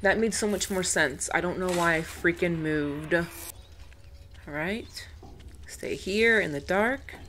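Excitable woman with a lowish voice. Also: takes it slowly, a little hiss or hum. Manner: excitable, exclaims and talks to the game. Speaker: gaming video creator. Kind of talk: let's-play commentary.

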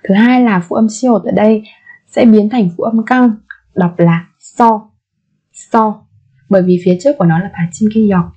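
A woman teaching a language vocabulary lesson, repeating each word slowly several times. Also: mid-range voice, mellow, husky. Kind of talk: vocabulary lesson with repetition drills. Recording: muffled lo-fi recording.

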